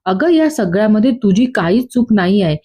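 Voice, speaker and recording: A woman's voice: mid-range voice, animated, normal speed, mellow, husky. A woman voicing a scheming woman who needles and stirs family trouble. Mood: sly. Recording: dull lo-fi.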